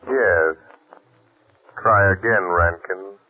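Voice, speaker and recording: An actor playing a commanding, mocking invisible avenger, speaking formally and theatrically through a filter in an old radio mystery. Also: male voice, sits low, extremely slow, heavily acted. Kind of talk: 1930s-40s radio mystery drama acting. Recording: phone-like old radio recording with music.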